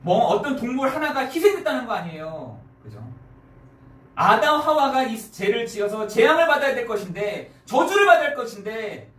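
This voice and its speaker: A man's voice: high voice, fairly bright tone. A male pastor preaching a sermon in a church, speaking with emphasis and putting repeated questions to the congregation. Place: church sanctuary. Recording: echoey church sound, distant mic, faint noise.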